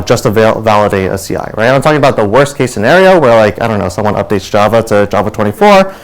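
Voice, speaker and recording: A man presenting an informal tech lightning talk at a meetup in a rushed, colloquial manner, often checking in with "right?". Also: rough recording. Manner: rushed, keeping it high level.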